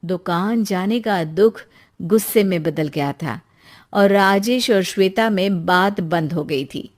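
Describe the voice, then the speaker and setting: A woman narrating a cartoon story in a steady, scripted way. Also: medium pitch, takes it slowly.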